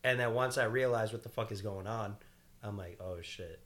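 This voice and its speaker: A man's voice: fairly low pitch, fairly even intonation, fairly quick, fairly bright tone. A young man co-hosting a podcast, recounting a night out in profane, joking, casual chat with frequent laughter. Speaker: podcast co-host.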